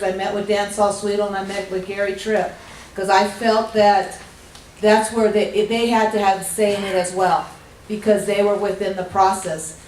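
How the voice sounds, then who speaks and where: A middle-aged woman with a hoarse, gruff voice giving a welcome speech at a rules clinic, talking informally with many ums and restarts. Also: medium pitch, a little mellow, a little hiss or hum. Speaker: executive director of a state activities association. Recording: echoey hall from far off.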